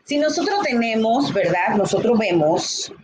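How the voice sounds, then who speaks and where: A woman teaching a Spanish grammar lesson, talking slowly and deliberately and repeating key points. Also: a little high, expressive, a little mellow, poor audio. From Dominican Republic.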